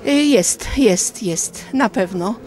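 A woman's voice: medium pitch, animated, takes it slowly, darkish tone. A woman teacher answering interview questions in a plain, hesitant way.

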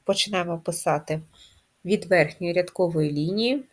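With a fairly low voice, this female primary teacher takes young children through lessons slowly and clearly. She's patient and lilting, posing questions and breaking words into individual sounds.

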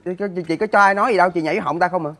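An excitable cook in a comedy sketch, speaking. The voice sits high and the words tumble out fast, broken by loud exclamations and stammers. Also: male voice. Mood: agitated. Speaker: cook who runs an eatery.

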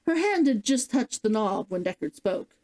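A woman's voice: a little high, sing-song, normal speed, darkish tone, rough recording. A woman narrating a novel like an audiobook, reading expressively and dramatically as a streamer. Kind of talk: scripted storybook narration, audiobook-like.

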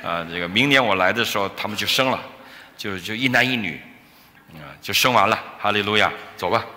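A man preaching a sermon as a pastor, telling a story in an animated way and acting out the dialogue. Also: lowish voice, brisk. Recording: reverberant church hall.

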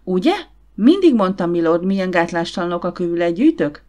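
A woman's voice: on the low side, sing-song, darkish tone. A woman reading the part of a spirited, indignant young lady who collects fossils, in an audiobook.

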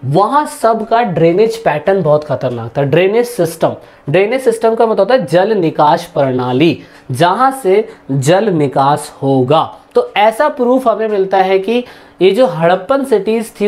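A woman's voice: mid-range voice, a little mellow. A woman teaching a history lesson online in a casual, chatty way, repeating key points and talking straight to her students, mixing in English words. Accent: Hindi-English mix.

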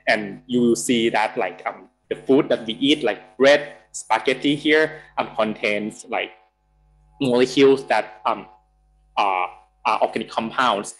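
A man in his thirties from Thailand, with a Thai accent, giving a university guest lecture over a video call, halting and full of fillers. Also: medium pitch, a bit bright, poor audio. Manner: halting, many fillers and restarts. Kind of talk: academic lecture.

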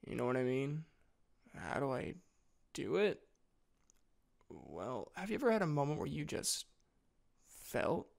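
A man playing a sleepy, tender boyfriend in an intimate role-play audio, drowsily and gently reassuring his partner at night. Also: mid-range voice, huge pitch swings, a little slow, creaky, long pauses, exaggerated voice. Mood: sleepy, reflective.

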